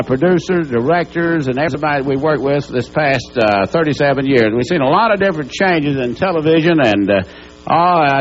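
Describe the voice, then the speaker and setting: An older man with a Southern accent from Alabama, hosting a folksy live TV farewell show and rambling through old stories. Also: mid-range voice. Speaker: host. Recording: dull lo-fi broadcast tape.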